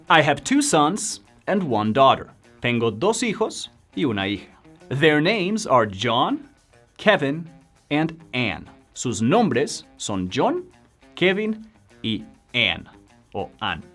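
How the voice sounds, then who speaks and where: A man teaching a beginner English lesson, slowing down to model the English words clearly. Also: medium pitch. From Sweden. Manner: lively, encouraging, slows down to model English words. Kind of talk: language lesson.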